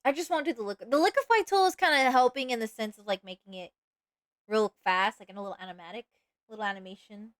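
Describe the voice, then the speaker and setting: Casting: high-voiced woman streamer, chatty and playful, dry close mic. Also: fast talker, fairly bright tone, dry recording. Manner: chatty, playful, dramatic outbursts. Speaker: VTuber streamer. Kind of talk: casual live-stream chat.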